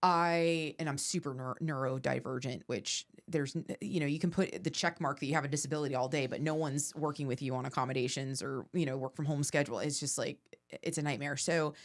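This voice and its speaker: A woman in her thirties, a comedian guest on a podcast, talking casually and animatedly and swearing freely. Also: low-pitched. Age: 30s.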